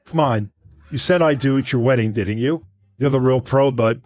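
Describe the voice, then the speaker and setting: A man voicing his drunk business partner, who rants loudly and theatrically like a preacher at a bar. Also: mid-range voice, moderate pace, pitched above the performer's own voice, natural voice. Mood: teasing. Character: drunk, boastful male business partner ranting. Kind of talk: audiobook character voice.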